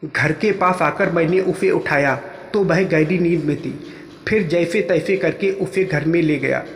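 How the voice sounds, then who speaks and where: A man telling a first-person story in plain, steady narration. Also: on the high side, unhurried. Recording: echoey room with long reverb.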